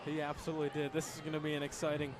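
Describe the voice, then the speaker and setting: A man doing color commentary at a celebrity softball game, talking with enthusiasm as he sizes up the players. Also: fairly high pitch, monotone. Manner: enthusiastic, quick talker. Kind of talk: live sports commentary. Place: outdoor ballpark. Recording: outdoor ballpark broadcast with crowd and noise.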